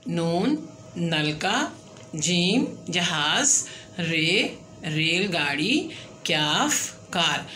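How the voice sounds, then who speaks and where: A woman's voice: fairly low pitch, background noise. A woman explaining a children's writing lesson step by step, counting letters aloud and checking in often. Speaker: teacher.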